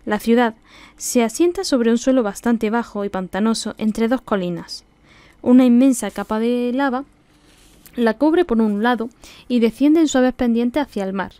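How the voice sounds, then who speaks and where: A woman's voice: fairly high pitch, moderate pace, warm tone, clean tone, dry recording. A woman with an Andalusian Spanish accent reads a classic novel aloud as scripted audiobook narration. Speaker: audiobook reader.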